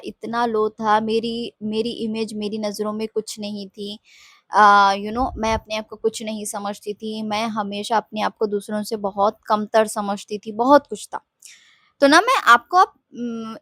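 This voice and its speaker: A woman's voice: medium pitch, no echo, clean studio sound. A young woman coaching on mindset, talking earnestly and confidingly in a personal vlog, mixing in English and often checking in with "okay?". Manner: earnest, confiding, mixes Hindi with English, often asks "ठीक है?". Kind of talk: heartfelt personal vlog monologue.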